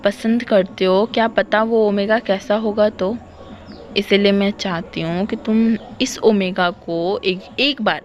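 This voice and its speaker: A woman's voice: mid-range voice, steady tone, a little slow, muffled recording, lightly acted. A woman voicing an insistent mother who coaxes her son into a date, in her ordinary storytelling voice. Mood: coaxing. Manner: coaxing, insistent. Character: pushy mother arranging her son's date.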